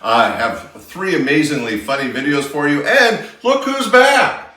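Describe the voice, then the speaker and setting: A man's voice: on the high side, expressive, unhurried, sharp tone, reverberant, far from the mic, low-quality recording. A man hosting a podcast who introduces comedians with upbeat, emcee-style patter. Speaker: podcast host. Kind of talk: casual podcast chat.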